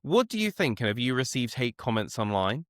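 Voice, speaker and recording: A man with a mid-pitched, very animated voice hosts an informal conversation. He sounds unbothered and a little self-deprecating as his intonation moves up and down. The sound is dry, with little room. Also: fairly quick, dry recording. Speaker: host and media commentator. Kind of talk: casual conversational podcast chat.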